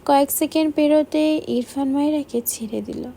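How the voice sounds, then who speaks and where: A woman narrating a romance audiobook in a steady, even storytelling manner. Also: high-pitched, normal speed, gravelly, slight background noise. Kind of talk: audiobook reading of a romance novel.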